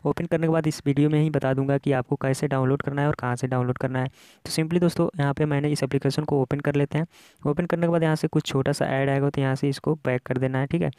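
A man's voice: a little high, fairly even intonation, quick pace, dark tone, smooth, dry recording. A man with an Indian accent hosting a casual app tutorial, explaining things step by step in a repetitive way. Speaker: tech tutorial host.

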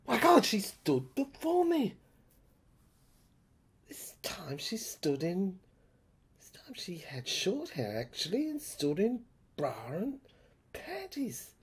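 With huge swings around a medium pitch, a woman performs a dramatic first-person monologue. Her breathy, husky delivery comes in short halting phrases with pauses and at times drops toward a whisper.

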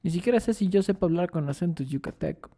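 A man's voice: high-pitched, expressive, quick pace, warm tone, a little hiss or hum. A man with a Mexican accent casually commenting while playing a game, playful and rambling, often throwing questions to his viewers. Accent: Mexican Spanish. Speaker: gaming streamer.

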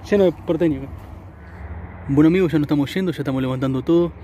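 Speaking fast in a slightly high, dark-toned voice, a young man with an Argentine Spanish accent narrates his fishing outdoors by the river. He's chatty and upbeat, frequently ending sentences with "eh," and there's slight background noise.

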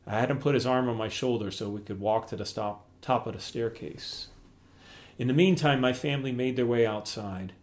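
A middle-aged man reading aloud from his own memoir in a plain, measured storytelling way. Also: mid-range voice.

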